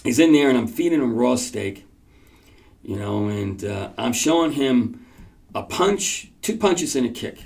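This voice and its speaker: A man's voice: medium pitch, lively intonation, unhurried, gravelly, a little mellow. A man teaching his martial arts students, talking emphatically and acting out quoted voices in bursts. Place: training school room.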